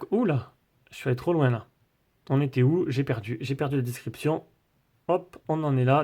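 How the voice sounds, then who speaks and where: A man's voice: on the high side, a little mellow. A man doing a casual, rambling tech review, full of fillers and restarts.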